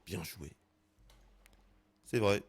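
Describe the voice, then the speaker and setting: A man in his thirties giving casual, excitable gameplay commentary as a streamer, laughing and swearing often. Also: deep voice, very slow, vocal fry, husky. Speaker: gaming streamer.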